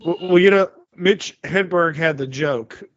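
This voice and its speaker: A man's voice: on the high side, a little slow, a little hiss or hum. A man in his forties telling a rambling story in casual chat, full of restarts and stammers. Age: 40s. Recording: dull lo-fi sound.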